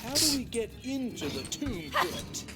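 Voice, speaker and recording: A woman's voice: a little high, sing-song, a little slow, loud music behind the voice. A woman playing an eager adventurer companion in a video game. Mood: wry curiosity.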